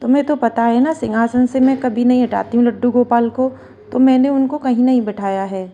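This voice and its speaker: A woman voicing a gentle, soothing elderly mother-in-law in a spoken devotional story. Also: a little high, a little fast, highs cut off, lightly acted.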